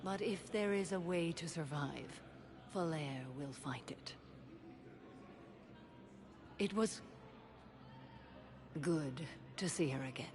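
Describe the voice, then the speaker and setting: An actress playing a stoic alien warrior matriarch in a video game, formal, measured and solemn. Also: female voice, low voice. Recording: clear background ambience noise.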